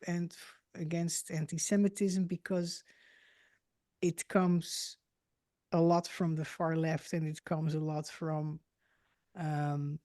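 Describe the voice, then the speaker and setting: A Dutch woman host speaks slowly in a lowish voice, pausing with many fillers and restarts. The recording is dry and close. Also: flat delivery, mellow, no echo. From Netherlands. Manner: hesitant, filler-heavy phrasing. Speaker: podcast host. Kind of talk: interview conversation.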